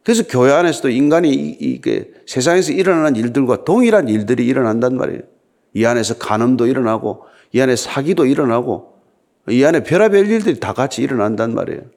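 A man's voice: medium pitch, lively intonation, fast, gravelly, a little mellow. An older man preaching a sermon as pastor, talking to his congregation in a conversational way and asking them rhetorical questions.

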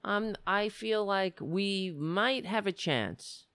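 An American woman with a raspy voice hosting a casual livestream, talking in a blunt, emphatic way and repeating phrases. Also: mid-range voice, slow pace, fairly bright tone, dry recording. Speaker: livestream show host. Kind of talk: casual livestream monologue with political commentary.

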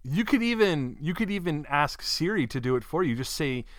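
A man's voice: a little high, lively intonation, moderate pace, no room sound, clean studio sound. A man hosting a podcast in casual chat, teasing his co-host with rambling explanations.

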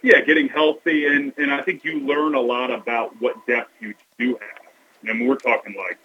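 A man's voice: medium pitch, little pitch movement, normal speed. A man giving sports analysis as an interview guest, calling in by phone from a train. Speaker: sports TV sideline reporter and guest. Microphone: phone call from a moving train. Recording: dull, noisy phone line from a train.

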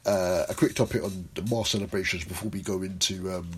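A man with a London accent hosts a casual football talk show. He speaks in animated roadman street slang. His delivery is conversational and informal. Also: deep voice, fairly quick, a little hiss or hum. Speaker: host.

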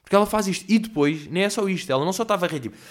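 A young man with a European Portuguese accent hosts a casual question-and-answer show. His voice sits a little high for a man, and he rants animatedly, swearing freely as he makes his case. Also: racing. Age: young adult. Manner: animated ranting, swears a lot. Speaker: host. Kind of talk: casual chat, Q&A rant.

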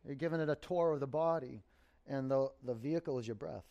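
Unhurried man guiding yoga and meditation. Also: medium pitch, vocal fry, dark tone, dull audio. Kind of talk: guided yoga and meditation instruction.

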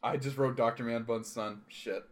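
A man's voice: medium pitch, steady tone, moderate pace. A man from Canada co-hosting a casual podcast chat, joking and laughing easily as he rambles through a recap. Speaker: podcast co-host.

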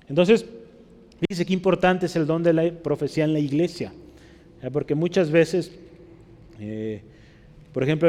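A man's voice: on the high side, darkish tone. Man preaching in a reverberant hall. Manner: frequent tag questions, teaching tone. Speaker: pastor. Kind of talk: sermon.

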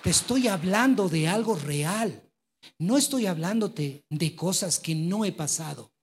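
A man preaching a live sermon in a church, swinging from loud exclamations to quiet asides. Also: high-pitched, expressive, a little slow, slight background noise. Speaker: pastor. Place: church with congregation.

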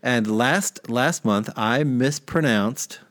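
A man's voice: mid-range voice, takes it slowly, fairly bright tone, dry recording, clean studio sound. A man hosting a podcast in casual chat, talking in a chatty, rambling way with fillers. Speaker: podcast host.

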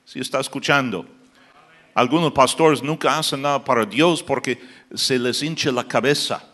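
A pastor preaching a sermon, building to loud emphatic passages and dropping to quiet asides. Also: male voice, mid-range voice, normal speed.

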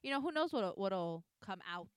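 Young woman, very smooth clear tone, dry close sound; loose rambling chat with casual swearing. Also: mid-range voice, lively intonation, moderate pace, dry recording.

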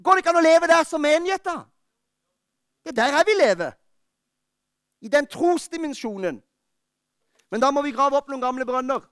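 A man preaching a fervent sermon, rising to urgent calls and then dropping to quiet, personal talk. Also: very high voice, dry recording, clean studio sound. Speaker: pastor. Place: church.

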